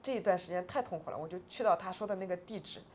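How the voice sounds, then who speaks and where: A woman's voice: lowish voice, rapid-fire, darkish tone, slight background noise. A woman in her forties, an interview guest, telling a painful personal story with agitated, tearful swings between subdued and raised voice.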